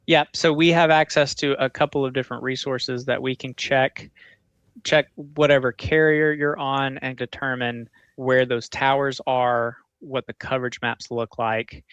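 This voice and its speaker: A man's voice: medium pitch, steady tone, measured pace, fairly bright tone, clean tone, no echo, lo-fi sound. Man, dry close sound. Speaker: technical support manager, interview guest. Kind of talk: conversational technical explanation.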